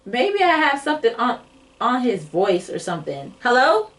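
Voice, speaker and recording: A woman's voice: a little high, wildly swooping pitch, normal speed, fairly bright tone. A woman hosting a casual podcast chat, playful and giggly. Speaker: podcast host. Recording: distant mic with faint noise.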